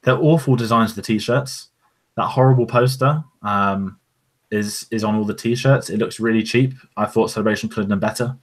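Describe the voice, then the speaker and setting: Into a podcast microphone, a man co-hosting the show rambles in casual, opinionated chat. His voice sits on the low side, at normal speed.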